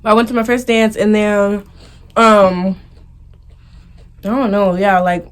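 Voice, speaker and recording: Telling stories casually in her mukbang vlog, a young American woman giggles easily. Her medium-pitched voice is clear and resonant, steady in tone, and measured in pace.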